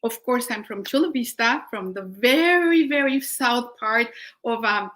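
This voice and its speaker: A woman's voice: a little high, animated, a little slow. A woman with a Mexican accent giving a live baking demonstration, enthusiastic and full of restarts. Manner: warm, enthusiastic, with frequent restarts. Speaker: cooking demonstrator.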